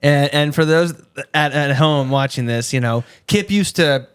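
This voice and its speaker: A man hosts a casual podcast chat, backing up his guest with quick, encouraging replies. His voice sits slightly higher than most men's. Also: clear, resonant tone, no echo, clean studio sound. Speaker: podcast host.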